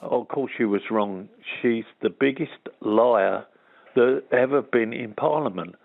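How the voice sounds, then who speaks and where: A man's voice: mid-range voice, a little slow, gravelly. An angry man calling in to a radio talk show over a phone line, talking in an accusing way. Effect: radio show caller on a phone line.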